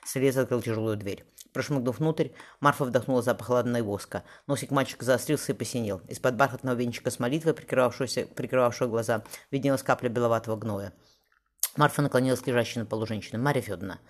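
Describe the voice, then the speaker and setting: Brisk male audiobook narrator. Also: mid-range voice, steady tone. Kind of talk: scripted narration.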